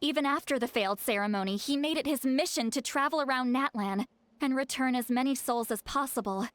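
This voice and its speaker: An actress playing a composed adult woman leader in a video game, speaking with calm authority. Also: sits high, fairly quick, dry recording, close to an everyday voice. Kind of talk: game voice acting.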